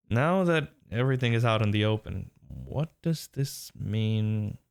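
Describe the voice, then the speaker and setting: A man plays a smitten, teasing workplace rival turned lover in an intimate romantic audio roleplay, murmuring tenderly and breathily with a tender, amused mood. His lowish voice is creaky, smooth and heavily acted. The recording is dry, with clean studio sound.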